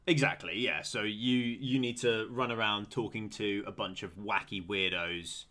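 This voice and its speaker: A man's voice: lowish voice, a little slow, pushed and bright. A man co-hosting a podcast, chatty and rambling, breaking into laughter often. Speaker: podcast co-host. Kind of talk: casual podcast chat.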